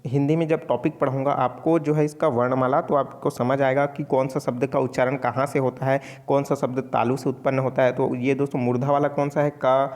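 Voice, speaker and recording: A man's voice: medium pitch, darkish tone, in a large hall. A man from Chhattisgarh teaching an exam-prep Hindi grammar lesson, speaking casually to viewers as friends and answering his own questions.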